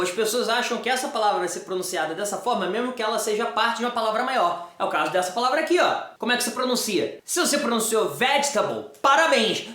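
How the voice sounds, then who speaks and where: A man's voice: extremely high pitch, a bit bright. Brazilian man teaching in an echoey room. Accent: Brazilian Portuguese. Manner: drills words by slow repetition. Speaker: English teacher. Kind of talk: online pronunciation lesson. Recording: roomy echo.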